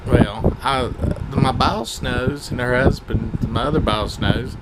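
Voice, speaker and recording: A man's voice: medium pitch, slow pace. A man chatting casually in a rambling vlog, hesitant and meandering, frank and coarse in his wording. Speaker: vlogger. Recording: loud fan noise over the voice. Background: whirring fan.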